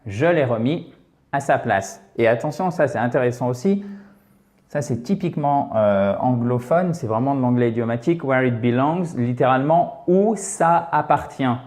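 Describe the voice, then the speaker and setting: Man, mid-pitched, patient teacher explaining English in French, often checks in. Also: lively intonation, normal speed, darkish tone. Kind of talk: French-language English lesson.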